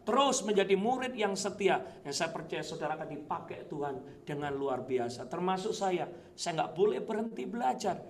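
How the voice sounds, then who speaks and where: A male pastor with a Surabaya Indonesian accent, preaching a lively sermon in a church and shouting dramatic quotes. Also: sits high. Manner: mixes English words into speech.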